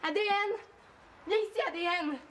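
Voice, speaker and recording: A woman's voice: very high voice, normal speed, fairly bright tone, slight background noise. An actress with a Québécois accent playing a fussy young woman who guards her pet lab mouse and scolds in a bossy way. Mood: scolding. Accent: Québécois French. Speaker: actress in a TV family comedy. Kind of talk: scripted TV series acting.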